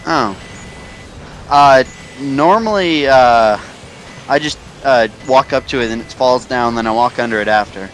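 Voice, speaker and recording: A man's voice: medium pitch, a bit bright, soft background music. A man chatting casually as a co-commentator on a gameplay video, talking in stops and starts. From Canada. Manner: halting, talks in stops and starts. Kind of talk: casual gaming chat.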